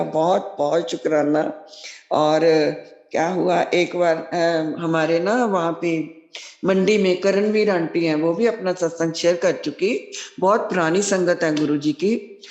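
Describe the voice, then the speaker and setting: A woman's voice: fairly low pitch, a little mellow. Middle-aged woman, devotional testimony, earnest, devout, roomy echoey sound. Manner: earnest and devout, repeating blessings often. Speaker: devotee sharing a satsang testimony. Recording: roomy echo.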